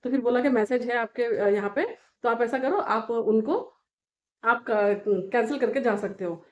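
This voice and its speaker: A woman's voice: a little high, measured pace, highs cut off. A young woman, venting animatedly in a casual daily vlog. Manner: animated, exasperated ranting. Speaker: vlogger, home beauty service worker. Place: Jaipur.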